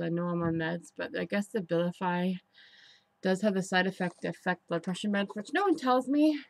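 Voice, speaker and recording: A woman giving a candid, rambling confessional vlog, sounding frustrated and halting as she talks indoors. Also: lowish voice, no echo. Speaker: personal vlogger. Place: indoors in an apartment.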